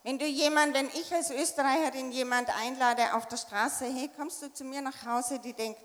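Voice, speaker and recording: High-voiced Austrian woman in an echoey hall. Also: fairly even intonation, normal speed. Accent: Austrian German. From Austria, Tyrol. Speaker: church member giving testimony. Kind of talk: sharing a personal story in short phrases for an interpreter. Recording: echoey hall with long reverb.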